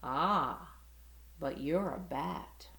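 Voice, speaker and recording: A woman reading aloud and voicing a blunt, matter-of-fact bat who talks loudly, in a roomy space. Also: sits low, extremely slow, creaky, heavily acted. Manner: loud, teasing, explaining. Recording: roomy echo.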